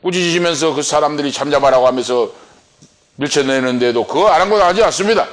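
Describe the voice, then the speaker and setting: A middle-aged man pastor preaching a sermon, retelling a story with dramatic swings of voice as he acts out the cries. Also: brisk. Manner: dramatic storytelling, acting out cries and quotes with swings in pitch and loudness.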